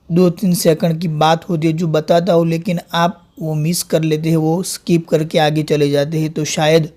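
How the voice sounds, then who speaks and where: Slow, patient male Urdu teacher. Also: fairly high pitch, darkish tone. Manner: slow, deliberate reading of syllables and short drill sentences; explains patiently, with religious greetings and phrases. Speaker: Urdu teacher and channel host. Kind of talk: online reading lesson.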